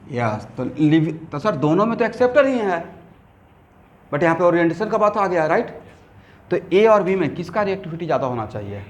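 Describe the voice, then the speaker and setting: A man's voice: on the high side, lo-fi sound, slight background noise. A man teaching chemistry to a class. He asks the students questions and answers them himself, and he mixes English technical terms into his speech. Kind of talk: classroom lecture. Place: classroom with students, also streamed online.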